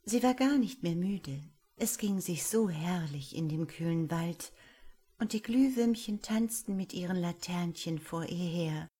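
A woman reading a fairy tale aloud, gentle and at times hushed. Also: on the low side, lively intonation, measured pace, breathy edge. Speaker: storyteller.

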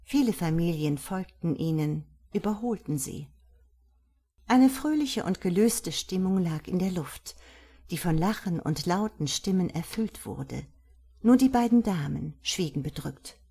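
Husky woman reading an audiobook. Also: on the low side, lively intonation, a little slow, dark tone. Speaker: narrator. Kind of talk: scripted audiobook narration.

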